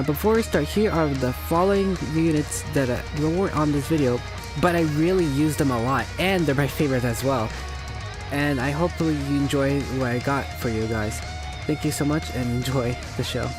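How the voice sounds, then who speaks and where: A man casually presenting a fan video as its creator. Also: fairly high pitch.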